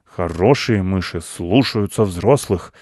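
A man voicing a stout, gruff male field-mouse uncle who blusters. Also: low-pitched, takes it slowly, darkish tone, no room sound, studio quality.

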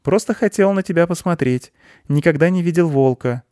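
A man's voice: on the high side, a little fast, darkish tone, no room sound, studio quality, voice pushed up, natural voice. A man voicing a curious, earnest young boy in an audiobook. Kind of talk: audiobook character voice.

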